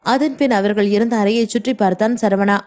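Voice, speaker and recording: Woman, story narrator, steady reading, medium pitch. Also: fairly quick. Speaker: audiobook narrator. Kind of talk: scripted narration.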